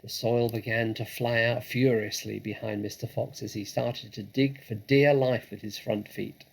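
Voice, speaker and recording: A man reads a children's story aloud in a dramatic, expressive way. His voice is creaky and a little husky, and he draws phrases out for suspense. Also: medium pitch, normal speed, low-quality recording. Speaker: storybook reader.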